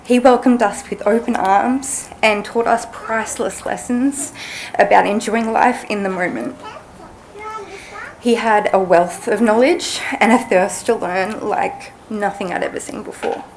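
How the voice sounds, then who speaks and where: Funeral eulogy, young woman, soft and heartfelt, podium mic, faint background noise. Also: mid-range voice, steady tone, rough recording. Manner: slow, tender, emotional. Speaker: eulogist, family member. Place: funeral service venue.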